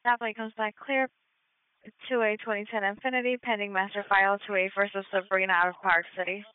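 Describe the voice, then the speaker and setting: A woman police dispatcher heard over a two-way radio, running plates in brisk, clipped codes. Her voice is smooth and clear, but the transmission is thin and tinny and the sound is dry and close. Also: medium pitch, flat delivery, no echo.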